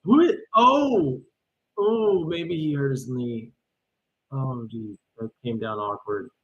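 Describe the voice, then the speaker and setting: A man livestreams his reaction to an ultimate frisbee game, speaking slowly in a mid-range voice. Excitable, he bursts into loud exclamations at plays, then chats calmly with viewers, over dull lo-fi stream audio with a little hiss or hum.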